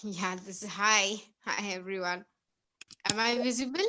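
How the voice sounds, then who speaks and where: Bright-voiced woman. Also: medium pitch, a little slow. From India. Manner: earnest, enthusiastic. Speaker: participant. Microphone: video call.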